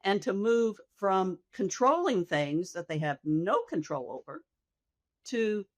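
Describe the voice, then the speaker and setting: Soft, slow hospice nurse, older woman. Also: mid-range voice, animated, no echo. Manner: soft, slow, measured, thoughtful delivery. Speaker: hospice nurse, interview guest. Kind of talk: reflective interview answer.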